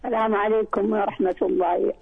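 A woman's voice: medium pitch, flat delivery, fast, creaky, crowd noise. A woman calling in to a program, politely thanking the sheikh before asking her question. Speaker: caller. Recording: phone line.

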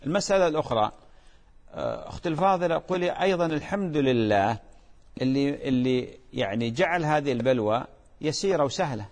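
A man, a religious scholar giving earnest advice to a caller, repeating phrases and asking rhetorical questions. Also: mid-range voice. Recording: long hall reverb.

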